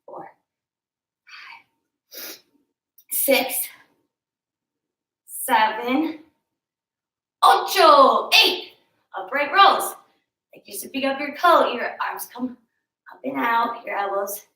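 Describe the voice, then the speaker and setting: Animated yet slow, with frequent pauses, a woman's slightly high voice comes across pushed and bright. The fitness instructor leads a home workout in a mirrored room, counting reps and joking chattily between sets, recorded from a distance with a roomy echo.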